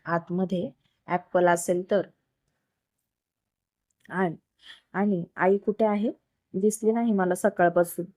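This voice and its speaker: A woman reading the lines of a stern, bossy young husband who scolds his wife out of worry, in a low, flat voice. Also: slow, long pauses, no room sound, clean studio sound. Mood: plain.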